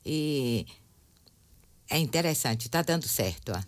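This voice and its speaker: Friendly low-voiced woman, a radio guest. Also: expressive, slow pace. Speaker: studio guest. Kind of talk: casual radio chat. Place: radio studio.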